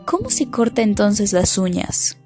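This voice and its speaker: A woman's voice: mid-range voice, very animated, measured pace, darkish tone, soft background music. A woman reading aloud and voicing a polite young man who asks careful questions. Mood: curious. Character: polite, curious young man traveling by ship. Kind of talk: audiobook character voice.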